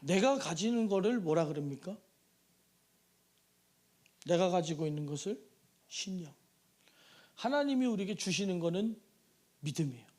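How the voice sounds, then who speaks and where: High-voiced, animated Korean pastor preaching. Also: male voice, normal speed, pauses often. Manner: emphatic, rhetorical questions, sudden shouts; acts out prayers in a pleading sing-song. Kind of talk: Wednesday evening sermon. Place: church sanctuary.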